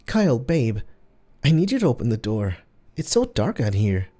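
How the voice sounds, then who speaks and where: A man's voice: on the low side, unhurried, gravelly, exaggerated voice. A taunting creature faking a woman's voice, as a man puts it on. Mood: coaxing. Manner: sweet and calm, turning spiteful and taunting. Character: door creature faking a young woman's voice, cruel.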